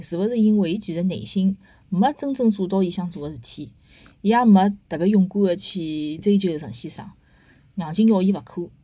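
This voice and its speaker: A woman's voice: mid-range voice, mellow, no echo. A woman with a Shanghainese accent chatting casually as a host giving a review, opinionated and conversational. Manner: conversational, opinionated, with rhetorical tag questions. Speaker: host of a book and theatre review podcast. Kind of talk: casual chat, reviewing and retelling.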